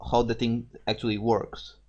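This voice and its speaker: A man's voice: mid-range voice, completely flat delivery, normal speed, lo-fi sound, background noise. A man co-hosting a casual podcast chat, rambling along with restarts, repeated words and offhand swearing. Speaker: podcast co-host discussing a fanfic reading.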